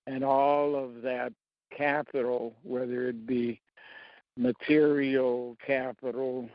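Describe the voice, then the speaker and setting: A man talking through a slow, rambling monologue, pausing often between short phrases. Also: medium pitch, no room sound, dull audio. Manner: halting, long pauses between phrases. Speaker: speaker sharing beliefs.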